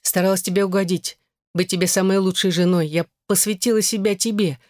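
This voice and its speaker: A remorseful young wife begging forgiveness in an audiobook, put on by the reader. Her voice sits well above the reader's own pitch and carries a pleading edge. The recording is close and dry. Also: fairly even intonation, fairly quick, no room sound, lightly acted. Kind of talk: audiobook character voice.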